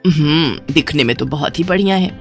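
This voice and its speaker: A woman voicing a quick-tempered middle-aged mother who nags and scolds. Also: low-pitched, soft background music. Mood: calm. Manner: nagging, exasperated.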